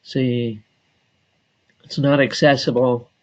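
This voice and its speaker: A man training staff on database software, talking slowly and deliberately with frequent filler pauses. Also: medium pitch, little pitch movement, lo-fi sound. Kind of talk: screen-share software tutorial.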